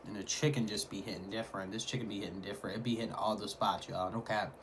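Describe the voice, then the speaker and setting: Slangy man chatting over clear background noise. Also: on the low side, steady tone, fast, fairly bright tone. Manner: slangy, repetitive hype. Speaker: mukbang vlogger. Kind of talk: casual food vlog chat. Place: at home. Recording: clearly noisy home recording.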